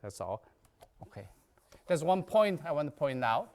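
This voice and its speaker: A man's voice: on the high side, big pitch swings, normal speed, darkish tone, soft background music. A man, a native Chinese speaker, teaching a qigong lesson in emphatic, non-native English that drops articles and verbs. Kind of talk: lecture.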